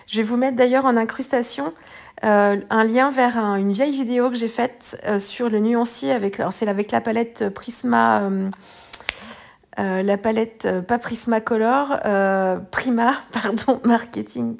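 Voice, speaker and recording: A woman's voice: fairly high pitch, steady tone, unhurried, gravelly. A woman hosting an art journaling video, talking through her page in a casual, rambling way with many hesitations and restarts. She sounds tired. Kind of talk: casual tutorial voice-over.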